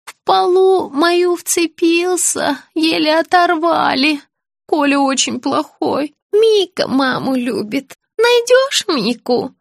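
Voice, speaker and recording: A woman's voice: very high-pitched, lively intonation, vocal fry, no echo, clean studio sound, voice pushed up, exaggerated voice. A woman voicing a tearful, confused old woman. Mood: distraught. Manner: slow, pleading, rising to wailing cries.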